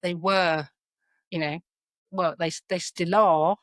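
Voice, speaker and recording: A middle-aged woman with a South London accent and a low voice talks through her story in an interview. She pauses often, and her thoughts come out in halting restarts and fillers. The sound is dry and close. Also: fairly even intonation, a bit bright, no echo. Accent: South London English. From South London, England. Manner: hesitant, lots of fillers and restarts. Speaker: podcast guest, educator. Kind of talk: reflective interview conversation.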